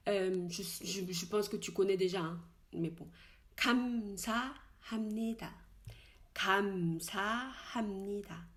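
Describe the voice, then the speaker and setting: A woman teaches in French with frequent fillers and restarts. She slowly repeats each expression several times so it can be copied. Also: lowish voice, flat delivery, darkish tone. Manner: slow, repeated model pronunciations of Korean words. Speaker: Korean language teacher. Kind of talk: casual spoken language lesson.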